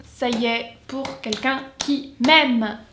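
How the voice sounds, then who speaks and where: A woman's voice: a little high, takes it slowly, reverberant, background noise. A young French woman reacting to and translating a song, chatty and thinking aloud with hesitations. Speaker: music video reactor.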